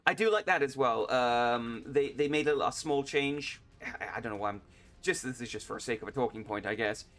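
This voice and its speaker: A man giving casual, self-deprecating commentary while playing a video game, chatty and prone to quick exclamations. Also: medium pitch, steady tone, a bit bright. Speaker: game streamer. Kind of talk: casual let's-play commentary.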